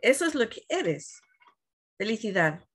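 A woman with a fairly high voice gives a reflective spiritual talk. She speaks conversationally and retells her story with animation. She often pauses to search for the right word. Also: sing-song, breathy edge. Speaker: spiritual teacher.

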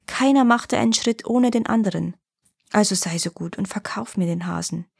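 A woman's voice: medium pitch, expressive, normal speed, a little mellow, no room sound, clean studio sound. Woman doing a pompous rich landlord, snappy then all honey and begging, storybook figure. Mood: pleading. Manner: haughty, then honey-sweet and pleading. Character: vain, greedy rich male landowner, quick to anger.

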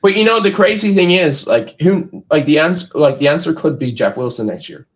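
A man's voice: on the high side, lively intonation, moderate pace, highs cut off. A man guest-analyst in a casual sports chat, speaking hesitantly with frequent stutters and fillers.

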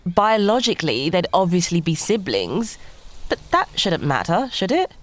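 An actress playing a flustered, defensive, sharp-tongued woman who hopes to start a family, in an audio drama. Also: on the low side, sing-song, moderate pace. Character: queer woman planning a baby, flustered, defensive. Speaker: actor.

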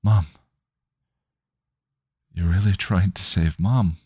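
A man voicing a young woman who is tearful and earnest, speaking softly and haltingly. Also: low-pitched, breathy edge, no room sound, clean studio sound, voice pushed up, heavily acted.

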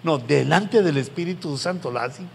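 Middle-aged male pastor, pleading sermon delivery, slightly high voice, long hall reverb. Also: normal speed, vocal fry. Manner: earnest, pleading, with sudden loud emphatic rises. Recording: long hall reverb, faint background noise.

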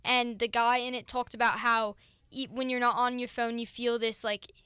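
A woman's voice: a little high, little pitch movement, normal speed, bright, forceful tone, clear, resonant tone, no echo, studio quality. A teenage girl co-hosting a student radio podcast, rambling casually with lots of fillers and giggles. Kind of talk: casual chat. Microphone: studio microphone.

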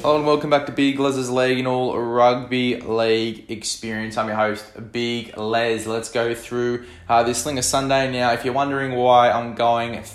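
A man of ordinary pitch hosts a casual sports podcast, rambling with plenty of ums and uhs. His voice comes over a mobile phone voice memo resting on a desk. The phone picks up a roomy echo around him. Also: little pitch movement, moderate pace, hardly any pauses. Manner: loose and chatty, lots of ums and uhs. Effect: recorded over a mobile phone voice memo. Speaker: podcast host. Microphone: mobile phone lying on a desk.

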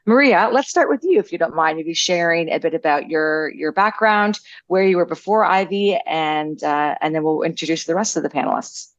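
Woman podcast host, low voice, upbeat moderator; dry, muffled remote audio. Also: normal speed, no echo. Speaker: admissions team host. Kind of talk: podcast panel interview.

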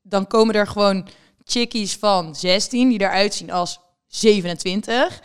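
A woman in her twenties chatting frankly as a podcast co-host, relaxed, with casual swearing. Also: mid-range voice, a little slow, clean tone. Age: 20s. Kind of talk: casual chat.

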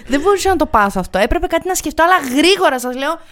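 A woman in her thirties co-hosts a chat podcast and tells a long comic story about herself. Her voice sits high, and she keeps the telling animated and self-mocking throughout. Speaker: podcast co-host.

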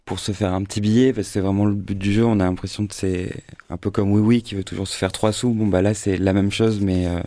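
A man's voice: on the low side, fairly quick, dry recording. A man who programs a film festival, a guest on a live radio show, talking casually with lots of fillers and restarts. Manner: hesitant, many fillers and restarts, relaxed. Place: radio studio.

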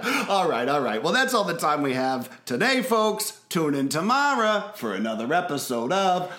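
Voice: medium pitch, big pitch swings, normal speed, fairly bright tone. A performer playing a jovial, folksy male car-advice radio host, bantering chummily in a comedy radio sketch. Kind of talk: parody radio call-in banter.

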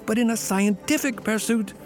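Man playing learned science professor, highish male voice, formal, declamatory, encouraging, radio drama, music underneath. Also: moderate pace, close to an everyday voice. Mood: oratorical, enthusiastic. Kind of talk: dramatic radio play acting.

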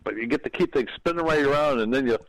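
A former race car driver, a man, telling racing stories in a relaxed, anecdotal way as a guest on a talk show. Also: medium pitch, fast, dry recording, rough recording. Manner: relaxed anecdotal storyteller who acts out dialogue. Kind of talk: casual interview storytelling.

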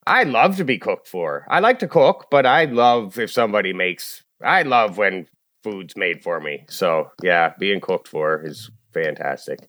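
Male podcast guest, low voice, dry close sound, relaxed delivery. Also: measured pace, dry recording. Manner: relaxed, short answers. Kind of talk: casual chat.

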